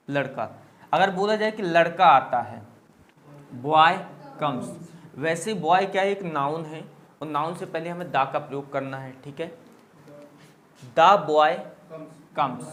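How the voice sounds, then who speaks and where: Slow, deliberate man drilling grammar. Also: a little high, fairly bright tone. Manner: slow, repetitive drilling of example sentences. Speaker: English teacher. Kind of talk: Hindi-medium grammar lesson.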